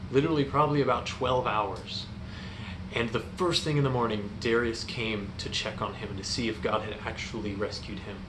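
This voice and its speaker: In a reverberant room with noticeable background noise, a young man gives an informal sermon to youth. His voice sits at an average pitch, and he speaks earnestly, with a hesitant, stop-and-start delivery. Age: young adult. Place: indoor room in front of a stone fireplace.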